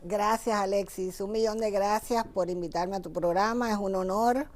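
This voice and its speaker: A woman in her seventies from Cuba with a Cuban Spanish accent, a guest author telling her family story in an interview, unhurried and full of fillers and restarts. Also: mid-range voice, steady tone. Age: 70s.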